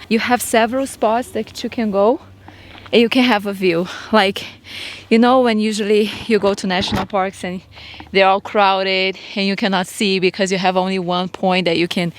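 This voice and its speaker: Woman vlogger, mid-pitched voice, easy and admiring, speaking to camera. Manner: relaxed, admiring, talks to viewers directly. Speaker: travel vlogger. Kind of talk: casual travel vlog narration.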